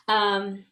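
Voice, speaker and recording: Her voice is slightly high with a fairly bright tone. This thirty-something transformation facilitator, whose first language is Vietnamese, searches for her words as a guest in a relaxed, reflective interview, with plenty of fillers and restarts.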